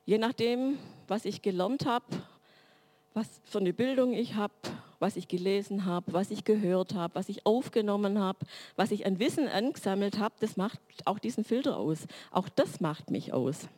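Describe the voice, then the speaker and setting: A woman's voice: mid-range voice, normal speed, a little mellow. A middle-aged woman giving a sermon-like teaching talk in a reflective way, building her points through long spoken lists. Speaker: church speaker.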